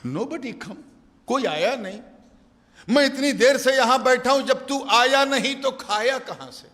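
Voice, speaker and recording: A man's voice: very high-pitched, pushed and bright, voice pushed up. A male preacher voicing a shrewd, experienced old orchard owner who questions sternly, in a large mosque. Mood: puzzled. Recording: long echo of a large hall.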